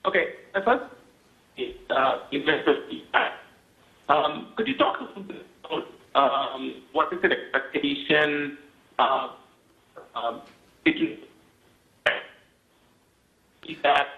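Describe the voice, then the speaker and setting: A man's voice comes through a lo-fi, breaking-up phone connection, sounding thin and distant. He speaks slowly with a gravelly edge, hesitating as he works out his question. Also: fairly high pitch, animated. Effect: unstable phone line that keeps breaking up. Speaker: analyst caller on an earnings call. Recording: lo-fi phone line, away from the mic.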